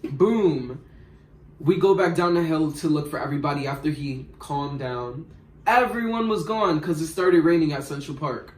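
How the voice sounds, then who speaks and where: A young man tells a story in loose slang, rambling and animated. His voice sits a little high for a man. The recording has a roomy echo. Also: moderate pace. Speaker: vlogger. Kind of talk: casual storytime.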